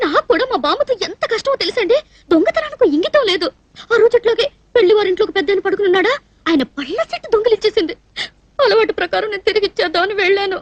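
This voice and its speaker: A simple, emotional young bride-to-be in a film comedy. Her very high voice runs fast in a pleading sing-song, recorded dry and close. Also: animated, no echo. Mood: tearful. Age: young adult. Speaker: film character. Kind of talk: dubbed film comedy acting.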